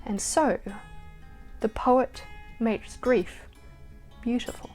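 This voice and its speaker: A woman reading poems aloud slowly and softly, her voice trailing off at the ends of lines. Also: fairly high pitch. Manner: slow, soft reading that trails off at line ends. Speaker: poetry reader. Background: soft acoustic guitar music.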